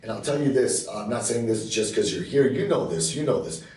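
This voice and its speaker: A man's voice: medium pitch, expressive, a little fast, mellow, very echoey, far from the mic, poor audio. A man who runs a fight gym, talking earnestly and emphatically in a casual podcast conversation, often repeating himself. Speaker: MMA gym owner and coach.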